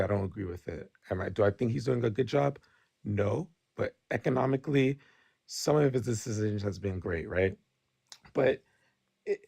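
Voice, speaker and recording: A Nigerian-raised man with a low, gravelly, slightly mellow voice argues candidly and bluntly in a casual podcast debate. He often restarts his sentences and keeps tagging on "right?" to check in. The sound is dry, close to the mic, with no echo.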